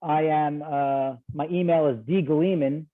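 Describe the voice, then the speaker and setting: A man with a New York accent answering interview questions, fast-talking and animated, over a video call. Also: fairly high pitch. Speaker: guest expert. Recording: tinny phone-like line.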